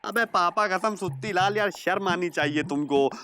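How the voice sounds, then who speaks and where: A wisecracking village hustler. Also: male voice, high voice, moderate pace, pushed and bright, slight background noise. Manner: mocking, wisecracking. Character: scheming, mocking male village hustler. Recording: background music under dialogue.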